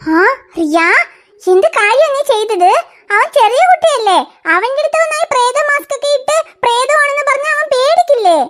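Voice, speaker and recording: A fussing cartoon mother, played by a woman who scolds in an exasperated way. Her voice sits extremely high and squeaky, almost childlike. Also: animated, normal speed, fairly bright tone. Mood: scolding. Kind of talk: cartoon voice acting.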